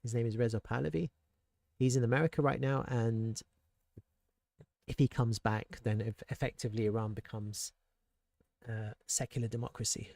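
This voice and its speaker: A man's voice: medium pitch, steady tone, normal speed, creaky, pauses often, darkish tone, no room sound, studio quality. A man giving casual, thinking-aloud commentary on crypto charts and world events, with rhetorical asides and frequent restarts. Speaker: crypto market analyst.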